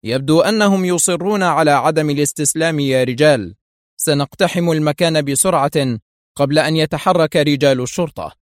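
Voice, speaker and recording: A man voicing a scheming male mafia lieutenant who taunts, then shouts in alarm. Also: on the high side, a little fast, dry recording, clean studio sound, voice pushed up, close to an everyday voice. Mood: urgent. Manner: mocking, turns panicked and shouting.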